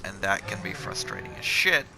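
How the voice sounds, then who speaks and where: A man's voice: low-pitched, big pitch swings, a little fast, background noise. Profane rambling gamer guy. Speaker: channel host playing a video game. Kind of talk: casual chat over gameplay. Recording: game music behind.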